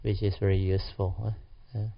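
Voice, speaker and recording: Speaking briskly in a lowish, gravelly voice with a level tone, a Malaysian or Singaporean Buddhist teacher leads a casual class. He uses slangy colloquial English marked by short clipped phrases and tag particles, captured on muffled, dull lo-fi audio.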